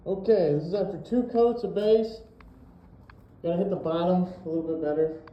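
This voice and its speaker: A man's voice: high-pitched, normal speed, roomy sound, muffled recording. A man talking casually through a respirator mask as he spray paints in his home shed, showing how a job is done. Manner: laid-back, enthusiastic shop talk. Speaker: DIY vlogger.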